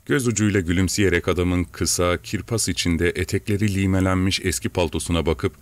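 A man with a deep, low voice narrates an audiobook. His reading is steady and measured. The recording is dry and close. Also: no echo.

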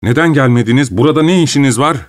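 A man voicing an anxious, hot-tempered middle-aged gentleman who speaks loudly and urgently. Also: medium pitch, very fast, voice pushed up, close to an everyday voice. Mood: angry, shouting.

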